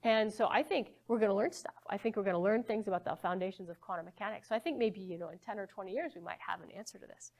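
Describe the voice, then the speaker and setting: Woman, physics professor lecturing live; conversational, checks in with the crowd, mid-pitch voice. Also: fast talker, few pauses, darkish tone. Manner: conversational, asks the audience questions, frequent okays. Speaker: physics professor giving a talk. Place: church hall.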